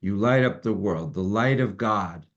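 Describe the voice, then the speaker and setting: Study leader, male, lower voice, relaxed rambling explainer; dull lo-fi recording. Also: unhurried. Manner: relaxed, rambling with many fillers. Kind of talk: informal teaching talk.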